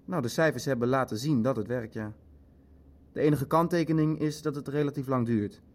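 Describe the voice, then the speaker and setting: Brisk and medium-pitched, this man gives a lightly acted turn as a clinical, hesitant Nazi bureaucrat in a radio drama. He stays detached and factual, particular about figures, as though leafing through his notes.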